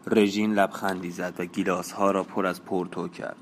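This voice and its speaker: A man reads a novel aloud in a steady, measured way, stopping now and then for a short casual aside. His voice sits low. A faint hiss of noise runs under the recording. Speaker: audiobook narrator. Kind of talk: novel reading with brief asides.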